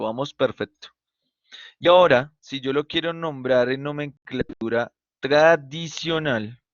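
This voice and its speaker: A man's voice: mid-range voice, a bit bright, dry recording. Dull-sounding male teacher on a video call. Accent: Colombian Spanish. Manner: patient, asks questions and answers them himself. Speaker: chemistry teacher. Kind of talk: online class lecture. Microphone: computer mic on a video call.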